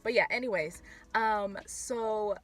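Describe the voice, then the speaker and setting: A young vlogger, Haitian-born and Florida-raised, shares her personal faith story in a casual, candid video. Her voice sits at a medium pitch and sounds a bit bright, and she talks slowly, with lots of fillers and restarts.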